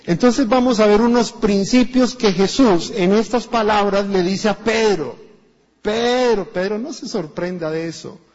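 Colombian pastor guy preaching, high voice, long church echo, kinda muffled. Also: unhurried. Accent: Colombian Spanish. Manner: animated, acts out voices of people in his stories. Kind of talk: sermon. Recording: dull echoey church recording.

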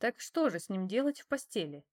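A woman narrating a first-person novel for an audiobook. Her mid-pitched voice keeps a steady, even storytelling pace. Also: fairly quick. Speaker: audiobook reader.

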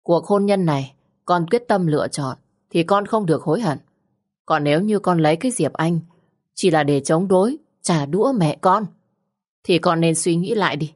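Brief: a woman reading a gentle fatherly figure, low and measured, storybook reading. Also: natural voice. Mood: advising. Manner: soothing, measured advice. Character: calm older father, gentle and advising.

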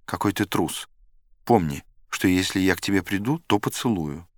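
A man's voice: low-pitched, expressive, normal speed, dry recording, studio quality. A man reading the part of a cold, scornful young woman in an audiobook, teasing and cutting in manner.

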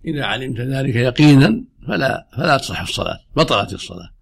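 A man's voice: mid-range voice, big pitch swings, fast talker, creaky, breathy edge, dry recording, clean studio sound. A man speaking as an Islamic scholar, giving unscripted religious rulings in formal Arabic in a stern, emphatic, repetitive manner. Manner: stern, emphatic, repeating himself.

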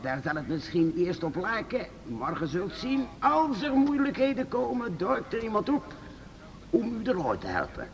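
With a high, gravelly and exaggerated voice, a man performs in a radio play as a secretive, calm and fatherly old master inventor, a master craftsman. His delivery stays measured and reassuring, with lively intonation.

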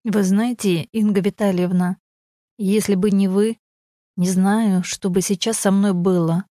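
A woman's voice: mid-range voice, steady tone, unhurried, warm tone, no echo, studio quality, close to an everyday voice. A woman voicing a contrite grey-haired old man. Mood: pleading.

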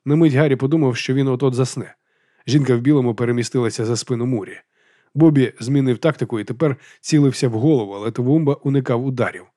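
Man, audiobook narration, steady delivery, middle pitch, dry close mic. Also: no room sound. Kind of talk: audiobook reading of a novel.

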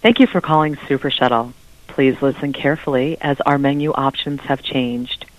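A recorded phone menu message played over a phone line, reading options in slow, evenly spaced prompts. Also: medium pitch.

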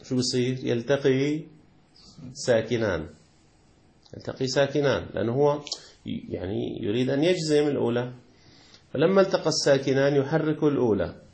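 A man teaches a classical jurisprudence lesson, his mid-pitched voice carrying a rough, gravelly edge. He explains patiently, repeating key words and posing questions that he answers himself. Now and then he slowly chants the words of the call to prayer. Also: darkish tone. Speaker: sheikh teaching Hanafi jurisprudence.

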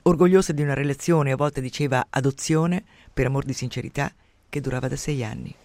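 A man hosting a radio program who retells and reads from a novel in an expressive, conversational way. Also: medium pitch, a little fast, no room sound. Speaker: radio host reading and discussing a novel. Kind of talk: literary reading and commentary on radio.

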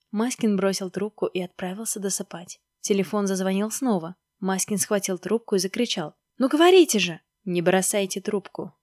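A woman reading a humorous novel aloud in lively, ironic audiobook narration. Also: mid-range voice, no echo, clean studio sound. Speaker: audiobook reader. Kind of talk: scripted narration.

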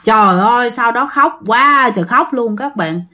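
Woman storyteller, higher voice, casual ghost story, emotional, talks to listeners. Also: animated, a little slow, bright, forceful tone. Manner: emotional, addresses listeners directly.

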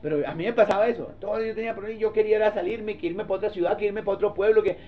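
A male pastor preaching a sermon, swinging from loud exhortation to hushed asides. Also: high voice, rapid-fire, a little hiss or hum. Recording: dull lo-fi sermon recording.

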